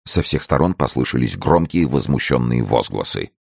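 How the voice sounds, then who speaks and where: A man narrating an audiobook in a steady, serious storytelling manner. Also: rumbling low, moderate pace, creaky, slightly rough, dry recording, clean studio sound. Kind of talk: scripted narration.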